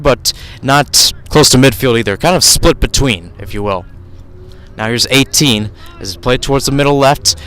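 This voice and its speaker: A man with a mid-range, fairly bright voice calls live soccer play-by-play for radio, and the audio quality is poor. He narrates the action as it happens, often correcting himself mid-phrase.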